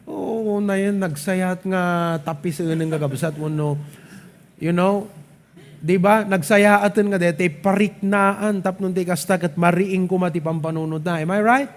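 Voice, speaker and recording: A man with a Filipino accent preaching a sermon at church, animated, often asking the congregation to agree and mixing English into his talk. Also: high-pitched, a little slow. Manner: animated, asks the crowd "di ba?" often; mixes English and local speech, light laughs. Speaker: pastor. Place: church service.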